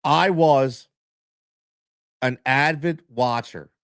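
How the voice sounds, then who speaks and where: A middle-aged man with a Philadelphia accent hosting a live stream, talking in an animated, repetitive way full of stammered restarts. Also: medium pitch, extremely slow, dry recording, clean studio sound. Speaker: show host.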